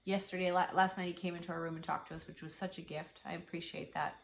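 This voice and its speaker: A middle-aged woman chatting casually and from the heart as a vlogging mother, halting and emotional as she shares her feelings. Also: fairly low pitch, level tone, vocal fry, slight background noise. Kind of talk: casual, heartfelt vlog chat.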